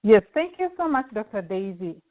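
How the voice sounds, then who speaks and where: A woman's voice: medium pitch, very animated, normal speed. Middle-aged Ugandan woman on a phone line. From western Uganda. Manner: earnest, with frequent fillers and restarts. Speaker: guest, home care agency CEO. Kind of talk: conversational interview answers. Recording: tinny phone-line audio.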